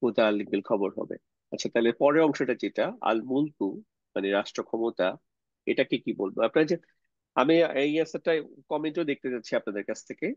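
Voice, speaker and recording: A man teaching Arabic grammar in an online class, explaining slowly and quizzing his students, over a computer mic. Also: medium pitch, expressive, darkish tone, no room sound. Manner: explains slowly, poses questions to students, mixes English words. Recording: dull lo-fi sound, dry.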